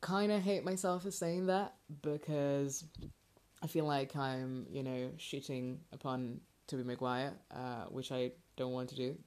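A woman's voice: rumbling low, fairly even intonation, a little slow, a little mellow. A woman hosting a casual solo podcast from her garage on a makeshift microphone, talking informally and hesitantly in a rambling way. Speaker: podcast host. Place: in a home garage, parking space indoors. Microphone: makeshift, not a proper microphone. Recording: amateur garage recording, makeshift mic.

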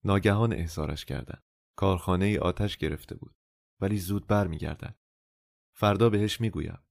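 A man reading the part of a resolute, tender young woman in love, in his own low voice, for an audiobook. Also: vocal fry, dry recording, studio quality.

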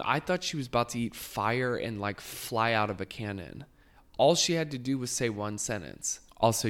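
A man's voice: lowish voice, a bit bright. A man hosting a podcast, telling a gossipy recap in a sarcastic, casual way. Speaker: podcast host.

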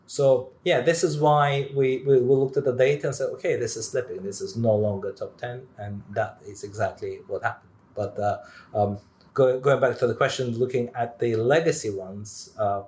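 A man talks as a guest expert in an interview, his voice sitting a little low. He rises sharply when he stresses a point, then drops back. He pauses often with fillers and restarts his sentences. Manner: animated, many fillers and restarts. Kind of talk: technical interview talk.

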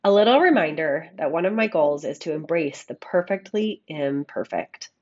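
A woman podcast host with a scratchy frog voice, hoarse from a cold, giving a reflective monologue and addressing listeners affectionately on a makeshift microphone. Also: low voice, lively intonation, moderate pace, highs cut off. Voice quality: scratchy, froggy voice. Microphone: makeshift microphone, not a studio one.

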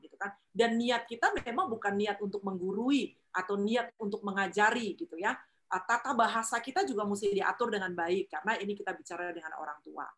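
A woman speaking, giving a casual faith talk. Her delivery is lively and chatty, with steady tag questions. She slips into playful voices for the people she quotes, and her pitch sits in the middle range.

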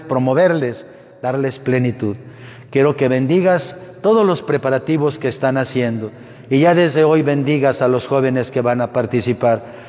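Priest praying in long cathedral echo. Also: male voice, medium pitch, darkish tone. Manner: solemn, measured delivery to a congregation. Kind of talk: liturgical prayer and blessing. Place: large church.

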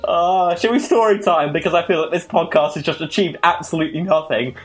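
A man's voice: on the high side, brisk, faint music behind. A man hosting a podcast in casual banter, laughing, swearing and rambling. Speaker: podcast host.

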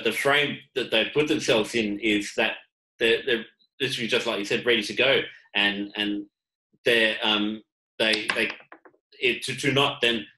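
A man's voice: lowish voice, sharp tone, echoey room, poor audio. A man hosting a podcast interview, asking rambling questions with many restarts and backing the guest with frequent agreement. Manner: hesitant, many fillers and restarts, affirming. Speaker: podcast host.

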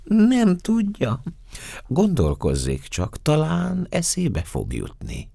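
A man's voice: huge pitch swings, creaky, warm tone, slightly rough, no room sound, clean studio sound, exaggerated voice. A man putting on coy flirtatious Eve. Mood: coquettish. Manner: high coquettish voice, teasing.

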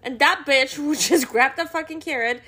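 A woman's voice: high voice, normal speed, pushed and bright. A woman from Europe, not a native English speaker, co-hosting a podcast with exasperated, swearing complaints. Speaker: podcast co-host. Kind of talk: casual late-night chat.

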